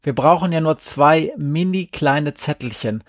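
A man's voice: fairly high pitch, measured pace, dry recording, natural voice. A man reading the part of a bossy young girl who loves her plans, in an eager, persuasive way. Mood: eager scheming.

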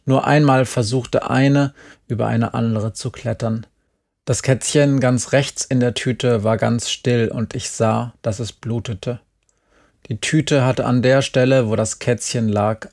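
A man narrates an audiobook in an unhurried, measured way. His delivery is very slow, and his voice has a gravelly texture. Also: medium pitch, fairly even intonation, darkish tone. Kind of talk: scripted narration.

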